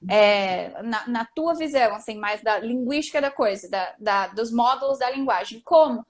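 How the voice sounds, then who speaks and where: A woman hosting an interview, talking in a lively, casual way with slang. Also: fairly high pitch, moderate pace. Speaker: host.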